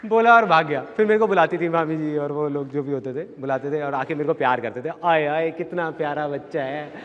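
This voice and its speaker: A man giving a motivational seminar talk, animated storytelling that acts out family members' voices, before a live audience. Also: fairly high pitch, fast talker, highs cut off, some chatter behind. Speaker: motivational speaker. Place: large hall with a live audience. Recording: echoey hall with background music.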